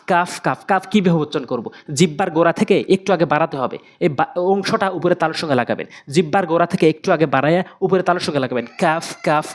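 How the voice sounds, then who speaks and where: A Quran recitation teacher gives a tajweed pronunciation lesson. The teacher drills each letter sound slowly, repeating it several times, and earnestly urges viewers to pay attention. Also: medium pitch.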